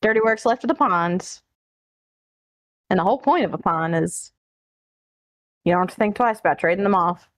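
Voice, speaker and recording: A woman's voice: mid-range voice, moderate pace, pauses often, no echo, natural voice. Female fan-dub role acted by a woman: smug, worldly celebrity lawyer, flippant wisecracks, dry close sound. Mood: cool, dismissive. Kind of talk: fan dub character acting.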